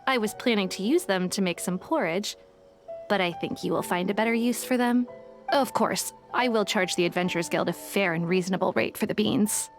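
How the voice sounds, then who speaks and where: An actress playing a calm, courteous female merchant with a calculating edge in a game. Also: mid-range voice, a little fast, lightly acted. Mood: sly. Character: polite scheming female merchant, smooth and calculating. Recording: game audio with music behind.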